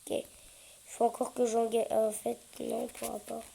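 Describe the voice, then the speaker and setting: A woman chatting through her gameplay, with lots of hesitant fillers and sudden excited yelps. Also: a little high, moderate pace, vocal fry, breathy edge, low-quality recording. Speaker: gaming YouTuber. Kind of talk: casual gameplay commentary.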